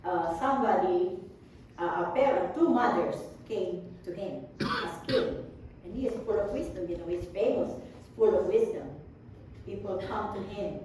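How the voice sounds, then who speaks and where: Slow, halting woman preaching in an echoey room. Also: mid-range voice, a little mellow. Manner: slow, halting with many fillers and restarts. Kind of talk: sermon. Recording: distant echoey room with faint background noise.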